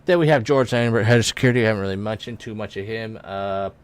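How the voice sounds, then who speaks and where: A young man giving casual, rambling let's-play commentary, full of fillers and self-corrections, with excited bursts when something in the game surprises him. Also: fairly low pitch, fast, smooth, no echo. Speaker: gaming YouTuber.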